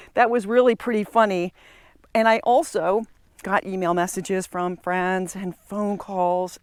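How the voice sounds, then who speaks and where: A woman's voice: medium pitch, clean tone, no room sound. Chatty woman in her sixties, dry sound. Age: 60s. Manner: chatty, reflective, talking while walking. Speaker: travel vlogger. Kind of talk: casual vlog monologue. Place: outdoors, walking through a campground.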